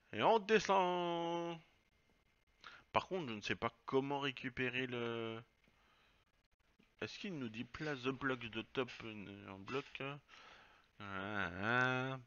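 A man's voice: medium pitch, pushed and bright, highs cut off. A man commenting casually on his own game, swearing and thinking aloud as he plays. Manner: chatty, swears, muses aloud while playing. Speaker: let's play gamer.

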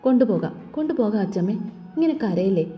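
A woman's voice: mid-range voice, animated, fast, close to an everyday voice. A tender young husband, coaxing and protective, read out by a woman narrator. The recording sounds dull and lo-fi, with a long reverb and faint music under it. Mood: tender, reassuring. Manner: coaxing, gentle.

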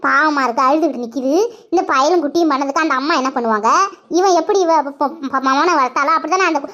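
A woman talking quickly in a gossipy way, voicing a village cartoon scene. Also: sits high, pushed and bright. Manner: chatty, gossiping, laughs while talking. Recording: slightly dull lo-fi audio.

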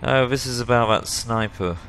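A man's voice: medium pitch, normal speed, a bit bright, slight background noise, low-quality recording. A man doing casual let's play commentary, reading dialogue choices aloud in role-play.

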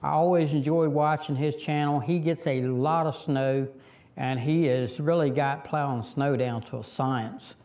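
A man's voice: fairly high pitch, fairly even intonation, measured pace, darkish tone. A middle-aged man from Virginia with a Southern accent, rambling in a casual how-to vlog with lots of fillers, kneeling by a tractor outdoors and picked up by a camera a few meters off. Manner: rambling, folksy, many fillers and restarts. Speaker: tractor vlogger. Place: outdoors under a fabric shelter, kneeling by a tractor.

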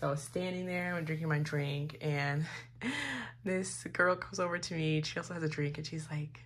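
A young woman rambling casually as she sorts K-pop photocards, giggling, filling her talk with "like" and restarts and trailing into soft mutters. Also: deep voice, steady tone, moderate pace, slight background noise. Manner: drifts into soft mutters while sorting cards. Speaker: K-pop photocard collector vlogger. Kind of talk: casual chatty vlog.

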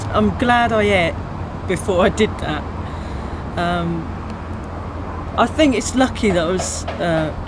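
A woman's voice: fairly low pitch, background noise. Chatty squeamish woman in a garden. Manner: chatty, squeamish and self-amused. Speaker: vlogger. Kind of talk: casual to-camera vlog. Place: back garden outdoors.

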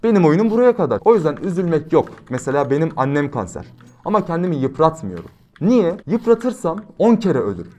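A young man commentating his gameplay, brash and slangy, switching between loud outbursts and quiet, reflective motivational talk. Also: on the high side, sing-song, brisk, highs cut off, slight background noise. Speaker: gaming YouTuber.

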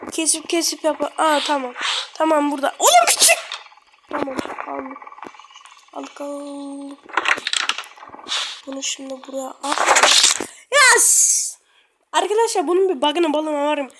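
Casting: high-pitched, unhurried woman gamer, blurting slangy reactions over loud background noise. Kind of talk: casual gameplay commentary.

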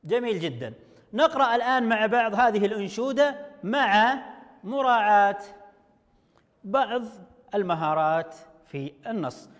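A male teacher giving an online language lesson to young children, slowly sounding out words syllable by syllable. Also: high-pitched, lively intonation, big-room sound. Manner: slow, drawn-out syllable-by-syllable explaining. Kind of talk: online Arabic lesson for first graders.

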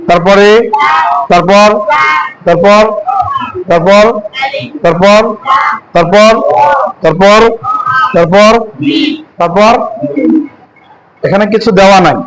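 A man's voice: high-pitched, steady tone, takes it slowly, long pauses, background noise. A man teaching Quran reading in a classroom lesson, asking questions and answering them himself, drawing out words as he recites. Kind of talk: classroom lesson on Arabic letters.

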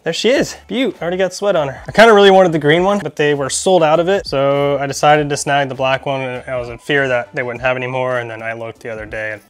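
A man's voice: medium pitch, quick pace, hardly any pauses. A man hosting a casual vlog, talking in an enthusiastic, chatty way with frequent fillers. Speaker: mountain bike vlogger. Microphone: shotgun or wireless mic.

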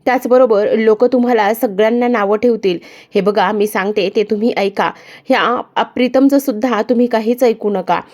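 A woman's voice: a little high, normal speed, darkish tone, lightly acted. A woman reading as a haughty, scornful young woman. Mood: scornful pleading. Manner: pleading yet contemptuous, insistent.

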